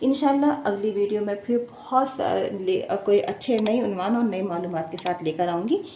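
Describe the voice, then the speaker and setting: A woman's voice: medium pitch, normal speed. A woman teaching an Urdu pronunciation lesson, contrasting right and wrong forms of words and often checking with "theek hai". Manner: corrects word pairs, repeats "theek hai". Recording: echoey distant room with hiss.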